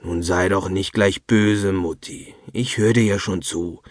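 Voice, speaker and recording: A male audiobook narrator voicing a good-natured old grandfather who talks in a gruff, unhurried grumble. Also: low-pitched, fairly even intonation, no echo, clean studio sound. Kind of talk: audiobook character voice.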